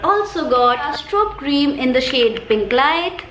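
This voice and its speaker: Speaking slowly in a high-pitched, fairly bright and animated voice, a beauty vlogger with an Indian accent presents a chirpy, chatty shopping haul video. She repeats words for emphasis, and the room is echoey with faint background noise.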